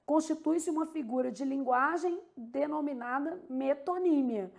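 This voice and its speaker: High-voiced Brazilian woman teaching grammar. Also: unhurried, gravelly, a little mellow. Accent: Brazilian Portuguese. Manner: explains step by step with frequent "tá?" and "né?" checks. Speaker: Portuguese teacher. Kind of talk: online exam-prep lesson.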